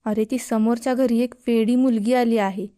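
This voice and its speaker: A woman's voice: fairly high pitch, fairly even intonation, moderate pace, mellow, no echo, studio quality, lightly acted. A woman voicing an irritable young male college student who snaps and grumbles. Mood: irritated. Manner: snapping and grumbling.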